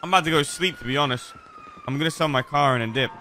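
A man's voice: fairly high pitch, quick pace, bright, forceful tone, slight background noise. A young man streaming a roleplay game, chatting in character in a laid-back, teasing way. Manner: laid-back and teasing, drawling with easy laughs. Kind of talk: casual in-character roleplay chat.

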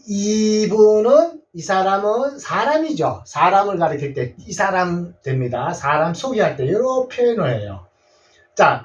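A man gives a slow, unhurried blackboard lesson with a pitch that swings up and down. He keeps repeating each word and checking that his listeners follow. The sound is dull and lo-fi, picked up from some distance. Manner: patient, repeats words, checks in with "right?". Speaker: English teacher for seniors.

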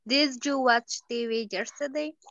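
A woman student reading practice questions aloud, halting and careful, in an online class. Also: sits high, fairly even intonation, a bit bright, no room sound, highs cut off.

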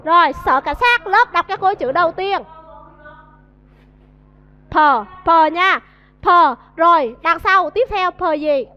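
High bright Vietnamese woman teaching class. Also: animated, takes it slowly, pauses often. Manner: coaxing, questions the class and drills pronunciation. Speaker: English teacher. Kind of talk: classroom vocabulary lesson. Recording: dull lo-fi audio.

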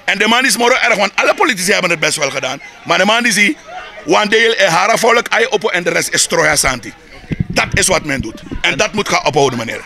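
Interviewee: heated Surinamese Dutch man, high-pitched and sharp-edged, rhetorical. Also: expressive, quick pace, vocal fry. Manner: heated, rhetorical, repeats words when building a point. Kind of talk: street interview.

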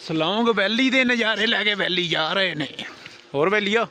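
A man's voice: high voice, moderate pace, sharp tone. A man with a Punjabi accent chatting casually and jokily for a travel vlog, talking to companions and passers-by. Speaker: vlogger. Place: outdoors in a snowy mountain valley. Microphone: handheld phone camera. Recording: outdoor crowd and vehicle noise.

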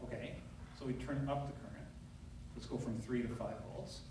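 This is a middle-aged neurosurgeon telling a story, with frequent fillers, during a conversational conference talk at a lectern in a large lecture hall. His medium-pitched voice keeps a steady tone and moderate pace. Captured from far off by an audience camera at the back, the audio is very echoey with a noisy background.

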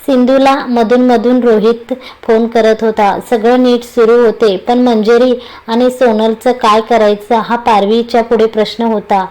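A woman reading a romantic story aloud as narrator in a steady storybook manner. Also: on the high side, a little slow, low-quality recording.

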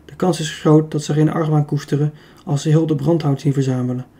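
A man reading an audiobook, voicing a self-assured young woman who calmly argues her plan. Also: on the high side, a little fast, close to an everyday voice. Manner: calm, persuasive. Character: very young woman, confident and clever.

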